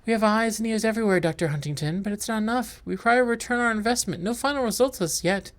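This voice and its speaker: A voice reading a calm, menacing patron. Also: medium pitch, quick pace, pitched above the performer's own voice, lightly acted. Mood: cool, menacing. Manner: smooth, even, veiled threats. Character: calm, coolly menacing male patron, measured and threatening. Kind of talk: reading a figure's lines in a horror game.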